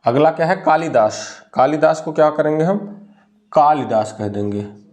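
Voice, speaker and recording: Young man, teacher, fairly high voice, spelling lesson, asks and answers his own questions, stretches words out. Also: expressive, darkish tone. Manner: drags out words slowly when stressing them. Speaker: Hindi teacher.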